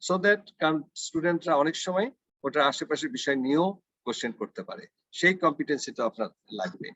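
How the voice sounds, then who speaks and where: A man's voice: fairly high pitch, expressive, brisk, fairly bright tone, no room sound. A university professor giving a conversational lecture to teachers. He tells short stories, asks rhetorical questions and drops in English phrases. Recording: dry, dull lo-fi recording.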